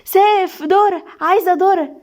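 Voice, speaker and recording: A woman's voice: extremely high pitch, a little fast, a little mellow, voice pushed up. A woman voicing a sulky, childlike young wife with an Egyptian accent in an audio story. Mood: eager. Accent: Egyptian Arabic. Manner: sulky, whiny.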